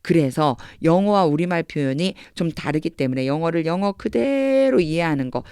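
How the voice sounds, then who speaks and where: A woman tutor giving a Bible-based English reading lesson. She explains patiently, reads English phrases slowly with stress, and acts out quoted lines with lively emphasis. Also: sits low, smooth, no echo, studio quality.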